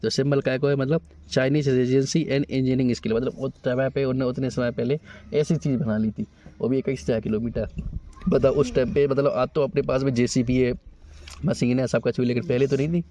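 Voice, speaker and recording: A man's voice: medium pitch, fairly even intonation, brisk, warm tone. A male coaching teacher walking a class through an exam paper, asking questions and checking with the students as he goes. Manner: explains in question-and-answer style, checks with students.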